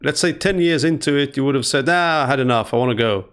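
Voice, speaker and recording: A man's voice: mid-range voice, fast talker, fairly bright tone, clear, resonant tone. A man in his forties interviewing a guest over a video call, asking probing follow-up questions. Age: 40s. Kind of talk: remote interview.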